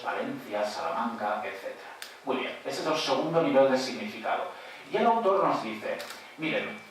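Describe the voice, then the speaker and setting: Man, panelist, explaining at a conference, mid-pitch voice, far from the mic in a booming hall. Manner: explanatory, tags points with "¿eh?" and "muy bien". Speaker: panelist at an academic round table. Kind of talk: conference presentation. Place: large auditorium. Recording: echoey hall picked up from far off, faint noise.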